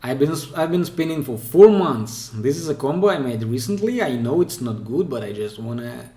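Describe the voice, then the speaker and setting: A man's voice: medium pitch, animated, moderate pace, warm tone. A man with a Russian accent, hosting a pen spinning channel and chatting casually about viewer clips, hesitant and often restarting mid-phrase. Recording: echoey room.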